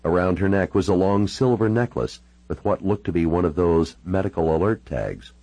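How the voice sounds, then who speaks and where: Gravelly male narrator, dry and wry. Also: sits low, lively intonation, normal speed, dark tone, no room sound, poor audio. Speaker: audiobook narrator. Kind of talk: first-person novel narration.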